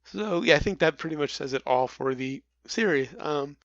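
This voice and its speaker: A man's voice: on the high side, lively intonation, normal speed, dry recording, muffled recording. A man co-hosting a casual movie review podcast, chatty and prone to stumbling over his words. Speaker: podcast co-host.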